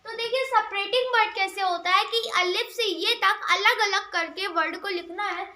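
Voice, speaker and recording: A woman teaching the Urdu script, who asks questions and answers them herself, repeats key sounds slowly and mixes English words into her Hindi. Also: very high voice, pushed and bright, reverberant. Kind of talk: spoken tutorial explaining Urdu script.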